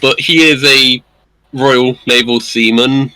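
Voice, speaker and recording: Bright-voiced man explaining. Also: medium pitch, steady tone, clear, resonant tone, dry recording, low-quality recording. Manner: explanatory, measured. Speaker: podcast co-host. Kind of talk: casual chat.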